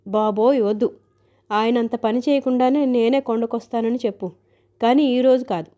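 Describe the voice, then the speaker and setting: A woman's voice: fairly high pitch, normal speed, mellow, close to an everyday voice. A woman reading a story aloud, voicing a breezy, teasing grown son who talks back to his mother. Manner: teasing, offhand. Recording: dull lo-fi recording.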